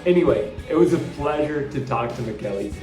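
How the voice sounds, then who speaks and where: Animated and a little fast, a mid-range male voice belongs to a podcast host whose first language is English. He chats enthusiastically in a casual interview, often restarting sentences, and the sound has a roomy echo with faint music.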